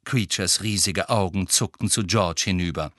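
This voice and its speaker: Guy reading an audiobook, bright lively voice, dry close sound. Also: low voice, normal speed, no echo. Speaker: audiobook narrator. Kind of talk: scripted audiobook narration.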